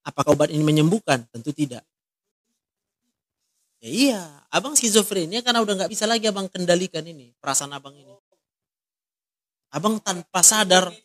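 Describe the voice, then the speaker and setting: A man's voice: high voice, fairly bright tone, no echo. A man, counseling someone one-on-one and asking many short, direct questions. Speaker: counselor in a ministry.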